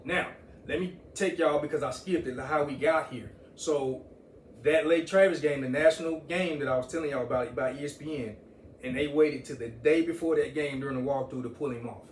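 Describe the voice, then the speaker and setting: Dad guest, storyteller, voices other people, echoey distant mic. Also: male voice, a little high, brisk, slight background noise. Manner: animated storyteller, quotes others, Southern US vernacular. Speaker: guest, father and coach. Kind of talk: casual storytelling.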